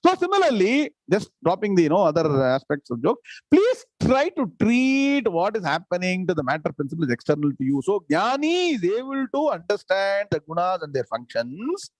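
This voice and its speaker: A man's voice: high voice, wildly swooping pitch, normal speed, dry recording, poor audio. A man with a South Indian accent, a native Tamil speaker, giving a live scripture lecture as a spiritual teacher, repeating phrases and checking understanding with questions.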